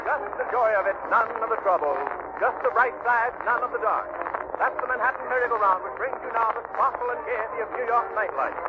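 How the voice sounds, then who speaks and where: A man's voice: very high voice, brisk. A man announcing a 1940s radio show, with a polished, upbeat announcer delivery, heard as an old radio broadcast. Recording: dull lo-fi 1940s radio recording with music.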